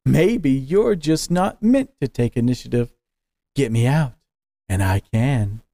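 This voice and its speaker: A man's voice: medium pitch, animated, takes it slowly, vocal fry, dark tone, no echo, clean studio sound. A man voicing a sly demon creditor trapped in a plush toy, with a mocking, purring manner. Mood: teasing.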